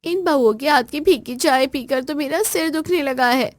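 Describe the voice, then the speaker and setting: Brief: a woman playing a spoiled, bossy daughter for an acted family story, shrill and high, barking orders, in a dry, close recording. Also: moderate pace, dry recording, lightly acted. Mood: shrill demanding. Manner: shrill, nagging, commanding.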